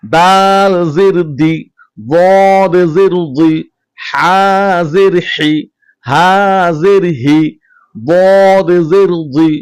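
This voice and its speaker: Slow, clear-voiced man drilling Arabic letters. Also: sits high. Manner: chants letters with vowel marks in slow measured drill; softer, quicker closing talk to viewers. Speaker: Quran reading teacher.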